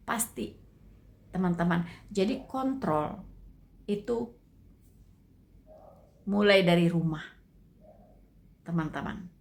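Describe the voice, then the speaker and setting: Speaking to her viewers as if they were friends, this woman keeps up a chatty stream of casual commentary that trails off into fillers. Her voice is on the high side with a fairly bright tone.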